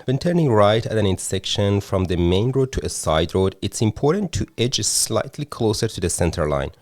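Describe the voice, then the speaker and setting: A man working as a driving instructor, calmly explaining each step to a learner in a car. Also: lowish voice, normal speed, dry recording, soft background music. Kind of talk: instructional talk and voice-over. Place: inside a car.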